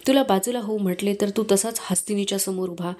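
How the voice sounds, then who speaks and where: A haughty elderly male scholar from a devotional storybook barks orders and scolds, as a woman reader puts him on. His voice stays loud and firm, a touch higher than her plain narration. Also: fast talker, close to an everyday voice. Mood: scolding. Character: elderly male priestly scholar, proud then remorseful.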